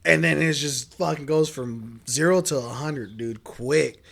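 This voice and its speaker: A man's voice: a little high, measured pace, creaky. A young man on a podcast telling a story casually, swearing and acting out what people said. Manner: animated, swearing, acts out quotes. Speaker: podcast guest.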